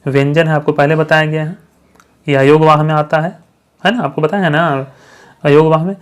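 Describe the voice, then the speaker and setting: A man's voice: on the high side, fairly even intonation, smooth. A man teaching a grammar lesson to exam candidates. He asks the viewers questions and answers them himself, and keeps checking that they follow. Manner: checks understanding with frequent "thik hai"; stretches out example sounds slowly.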